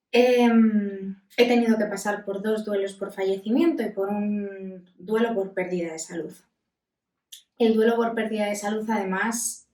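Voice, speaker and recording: A woman in her thirties talks as a psychologist, calm and candid, often pausing to find her words. Her voice rings in a roomy space, picked up from a little distance. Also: medium pitch. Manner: calm, candid, with many pauses. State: voice breaking with emotion. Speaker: psychologist and podcast host. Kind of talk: reflective self-help talk. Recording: roomy echo, mic at a distance.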